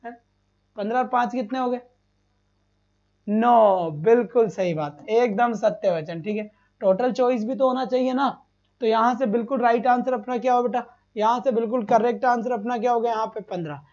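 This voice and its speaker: A man's voice: very high-pitched, fairly even intonation, moderate pace, darkish tone. Man teaching, repeating answers to students. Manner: calls students "beta", repeats answers, asks rhetorical questions. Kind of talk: live online exam-prep lesson. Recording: slightly dull lo-fi stream audio.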